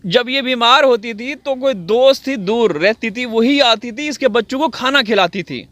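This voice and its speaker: A man's voice: extremely high pitch, moderate pace, fairly bright tone, slight background noise. A man from Pakistan giving sarcastic, theatrical commentary outdoors, speaking straight to his viewers. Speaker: video commentator. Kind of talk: mocking commentary. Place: outdoors on wet farmland.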